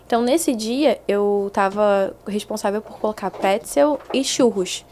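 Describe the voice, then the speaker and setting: A woman's voice: medium pitch, a little slow, a little hiss or hum. A young adult woman, telling stories as a guest in a casual podcast chat and acting out the voices she quotes. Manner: animated, acts out quoted voices.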